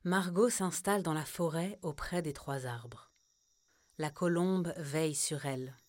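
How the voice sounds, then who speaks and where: A woman narrating a scripted children's story in a slow, gentle storytelling manner. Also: low-pitched, no room sound, studio quality.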